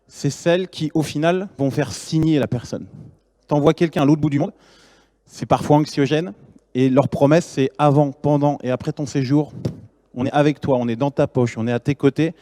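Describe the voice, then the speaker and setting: A man's voice: mid-range voice, warm tone, no echo. A man in his thirties, a startup founder giving a casual, slangy conference talk full of fillers and enthusiasm.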